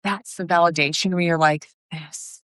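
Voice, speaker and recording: A woman's voice: medium pitch, normal speed, a bit bright, dry recording. A woman co-hosting a podcast, chatting casually and emphatically about her work planning corporate events. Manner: emphatic, storytelling with acted quotes. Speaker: podcast co-host. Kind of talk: casual chat.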